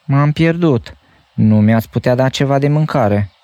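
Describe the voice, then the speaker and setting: A man's voice: mid-range voice, big pitch swings, slightly rough, voice pushed up, exaggerated voice. A man voicing Jack, a curious, bold young boy in a fairy tale. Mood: pleading.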